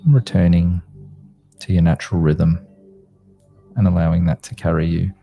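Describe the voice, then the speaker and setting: A man leading a guided meditation in a slow, gentle, soothing manner, like a sleep story narrator, in short spaced phrases. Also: sits low, level tone, gravelly, slightly rough, lo-fi sound, faint music behind. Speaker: meditation guide, host of a live group session.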